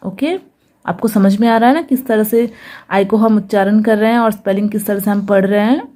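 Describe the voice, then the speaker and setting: A woman's voice: medium pitch, fairly quick, warm tone. A woman teaching English reading, spelling each word letter by letter and patiently repeating the sounds. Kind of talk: phonics lesson, spelling out words.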